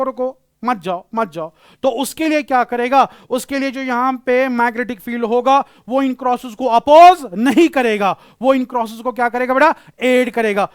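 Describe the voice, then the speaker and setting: A man's voice: very high voice, clear, resonant tone, no echo, studio quality. A male physics teacher giving a classroom lecture, explaining patiently, repeating key phrases and using terms.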